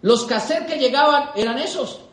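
A young man giving an animated seminar talk to a live audience, repeating points for emphasis. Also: very high voice, moderate pace. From Colombia. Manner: animated, repeats for emphasis, acts out quoted people. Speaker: motivational speaker. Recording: echoey hall.

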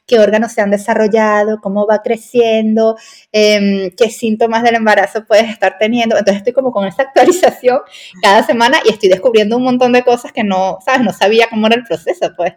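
Her voice is a little high and a little mellow, with brisk delivery and fairly even intonation. She's a young nutritionist from Venezuela, speaking with a Venezuelan Spanish accent and scattering tag questions through a relaxed podcast interview.

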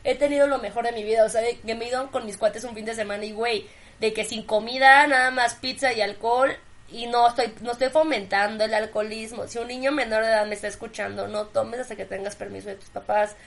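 Mexican girl in her 20s cohosting a podcast, kinda high voice, super casual slangy chat. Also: fast. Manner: slangy, lively, laughs often. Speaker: podcast co-host.

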